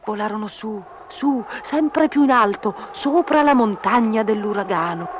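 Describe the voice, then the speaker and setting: A woman reading a fairy tale aloud as a storyteller, with a gentle, lively telling. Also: mid-range voice, measured pace. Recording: noisy background.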